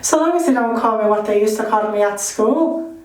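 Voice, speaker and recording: A man's voice: high-pitched, brisk, close to an everyday voice. A man doing a fussy, anxious schoolboy. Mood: earnest. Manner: fussy, eager to please. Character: anxious fat schoolboy with glasses. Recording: roomy sound, distant mic.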